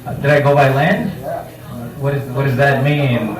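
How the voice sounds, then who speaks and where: A man's voice: medium pitch, moderate pace. Profane stand-up man in a roomy bar. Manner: casual, profane, self-mocking crowd work. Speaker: stand-up comedian. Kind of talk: live stand-up set. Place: bar comedy night. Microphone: handheld microphone. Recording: roomy bar sound from a distance.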